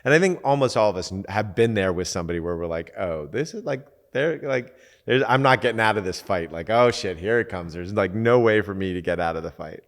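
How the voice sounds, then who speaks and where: A man, a podcast host and coach, giving relaxed, candid advice in casual talk, swearing now and then and acting out little quotes. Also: on the low side, a little fast, hardly any pauses, long reverb tail.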